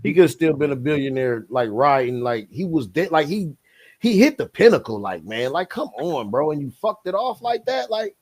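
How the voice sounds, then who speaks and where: Guy on a podcast, kinda high voice, gets worked up and emphatic. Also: moderate pace. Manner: animated, emphatic, frequent "bro" and "like". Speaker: podcast co-host. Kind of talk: casual profane chat.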